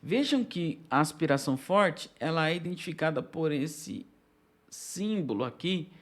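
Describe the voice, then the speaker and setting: A man's voice: fairly high pitch, expressive, measured pace, fairly bright tone. A man with a Brazilian Portuguese accent, teaching a recorded lecture and often checking in with his students. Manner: explanatory, with frequent check-ins and restarts. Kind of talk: recorded lecture on biblical Greek.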